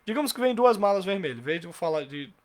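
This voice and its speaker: A man teaches English grammar in a live online class, his voice sitting a little high. He explains patiently, asks himself rhetorical questions and repeats example sentences slowly. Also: sing-song.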